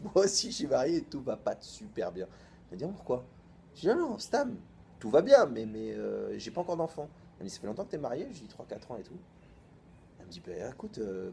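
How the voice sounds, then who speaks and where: A man in his thirties, a rabbi giving an informal storytelling sermon in a colloquial, lively way, acting out both sides of the conversations he recounts. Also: on the low side, creaky, a little hiss or hum.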